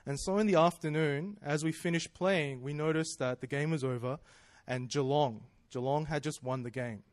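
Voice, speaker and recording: This Australian preacher in his 30s delivers a personal storytelling sermon, chatty and self-deprecating, with frequent bursts of laughter. He speaks at a normal speed in a fairly high voice, and the recording is dry.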